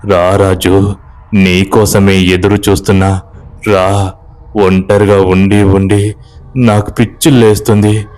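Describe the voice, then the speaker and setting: Vengeful woman's ghost, put on by a male narrator: slow, eerie, low-pitched horror storytelling. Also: flat delivery, darkish tone, clean tone. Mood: eerie coaxing.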